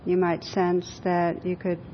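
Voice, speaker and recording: A woman teacher leads a group through a guided meditation and then an informal discussion, speaking gently and unhurriedly with pauses and repeated phrases. Her voice sits on the low side with a completely flat delivery. It's a dull lo-fi live recording in a room with a group audience, with faint noise.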